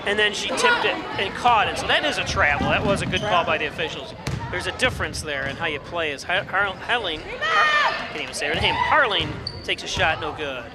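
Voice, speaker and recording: Chatty high-voiced man calling basketball. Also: fairly quick. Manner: chatty and joking, rising to excited calls on big plays. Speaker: play-by-play commentator. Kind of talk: local sports commentary. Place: high school gym. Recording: loud gym crowd noise. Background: loud crowd and bouncing basketballs.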